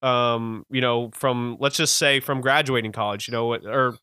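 A man's voice: medium pitch, fairly even intonation, moderate pace, sharp tone, clear, resonant tone, no echo, clean studio sound. A man hosting a podcast, asking questions casually and hesitantly, restarting and rephrasing as he goes. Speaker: podcast host. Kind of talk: casual interview.

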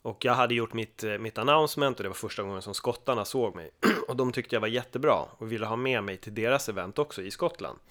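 Podcast guest, man from Sweden, animated storyteller who slips into other people's voices. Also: lowish voice, hardly any pauses. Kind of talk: casual podcast chat.

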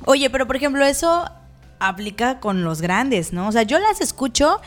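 Give me a chatty Mexican woman co-hosting a podcast, with a fairly high voice. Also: big pitch swings, faint music behind. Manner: chatty, quick interjections. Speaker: podcast co-host, mother. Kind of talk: casual podcast chat.

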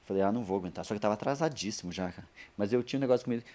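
Fast-talking Brazilian man telling a story. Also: fairly low pitch. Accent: Brazilian Portuguese. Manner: animated anecdote with repeated phrases and quoted asides. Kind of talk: casual storytelling.

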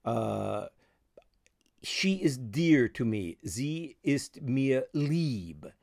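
A man's voice: mid-range voice, very animated, very slow, vocal fry, darkish tone, dry recording, clean studio sound. A man hosting a podcast language lesson, explaining words patiently with many hesitant fillers. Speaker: podcast host teaching English. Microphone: podcast microphone.

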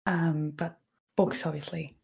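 Raspy, breathy woman. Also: low voice, fairly even intonation, measured pace. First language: Spanish. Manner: soft-spoken, often slips into whispers. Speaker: podcast guest, ASMR creator. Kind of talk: casual podcast chat.

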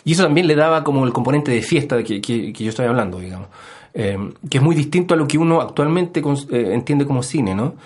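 A man with a Chilean accent, a historian guest on a radio interview, explaining at length with many fillers and tag questions. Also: mid-range voice. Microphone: studio microphone.

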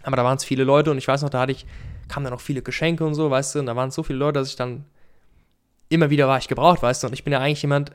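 A man's voice: medium pitch, steady tone, very fast, clean tone. A young man in casual podcast chat, rambling and tagging lines with "weißt du". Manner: rambling, keeps adding "weißt du".

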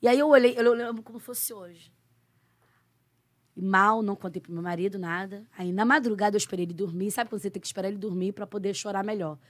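A Brazilian woman missionary sharing her faith story in a conversational interview, acting out quoted dialogue and turning soft when confessional. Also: mid-range voice, quick pace, no room sound. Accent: Brazilian Portuguese. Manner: expressive storyteller who acts out quoted dialogue.

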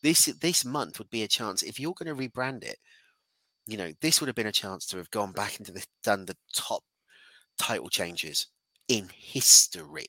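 A man podcasting about wrestling while feeling under the weather. His voice sits fairly low with a bright, forceful edge, recorded close and dry. He argues insistently, circling back over phrases to press his point. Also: lively intonation, moderate pace, dry recording, poor audio. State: feeling rough and unwell. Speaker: podcast co-host. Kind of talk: opinionated wrestling discussion.

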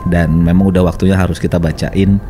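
A man's voice: low voice, little pitch movement, fairly quick, warm tone, soft background music. A man from Indonesia hosting a podcast in casual, conversational chat. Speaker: podcast host. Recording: faint background noise and ambience.

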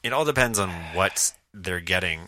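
A man's voice: low-pitched, expressive, moderate pace, pushed and bright, dry recording. A man co-hosting a casual sports podcast, argumentative and keen to make his point. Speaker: podcast co-host.

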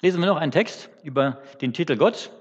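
A man preaching an unscripted teaching sermon in a church hall, pausing often with fillers and restarts. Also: on the high side, animated, slightly rough. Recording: dull sound with long church reverb.

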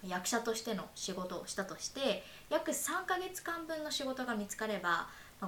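A woman hosting an interview podcast, politely asking questions and explaining a topic in an aside. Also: medium pitch. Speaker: podcast host. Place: room in Paris. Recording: echoey room, faint hiss.

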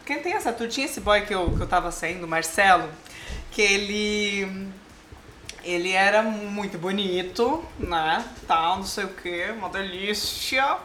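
A Brazilian woman chatting casually, telling stories with lively, laughing bursts. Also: medium pitch, measured pace, slight background noise. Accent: Brazilian Portuguese. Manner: animated storyteller, bursts into laughter. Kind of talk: casual chat. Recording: roomy echo.

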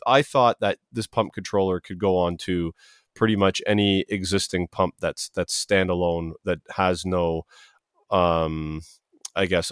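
Low-voiced man hosting a trade podcast. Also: no echo, studio quality. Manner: stammering restarts, jokey asides. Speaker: podcast host. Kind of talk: casual chat.

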